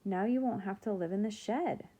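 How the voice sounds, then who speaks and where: A woman's voice: medium pitch, mellow, natural voice. A woman reading aloud, voicing a cheeky older sister who teases her sibling. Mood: teasing. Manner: teasing, quick.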